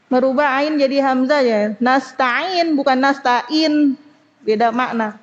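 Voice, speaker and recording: High-voiced woman teaching Quran recitation. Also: in a large hall, highs cut off. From Indonesia. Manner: demonstrates Arabic sounds slowly between quick explanations. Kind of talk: Islamic study class on recitation.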